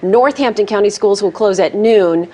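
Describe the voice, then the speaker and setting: A woman's voice: medium pitch, moderate pace, dark tone. An American woman co-anchoring a TV newscast, reading scripted news.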